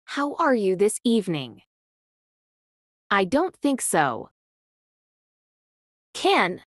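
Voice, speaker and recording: A woman reading short English phrases slowly and clearly for beginners, with long pauses between them. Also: mid-range voice, sing-song, no echo, clean studio sound. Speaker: English teacher. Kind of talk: slow phrase drills for learners.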